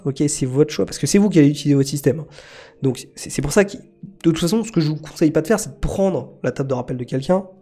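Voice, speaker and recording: A man explains things on a live stream, thinking aloud and answering his chat as he goes. His voice sits fairly high for a man but sounds mellow and relaxed. Faint music plays behind him. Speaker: memory sports streamer.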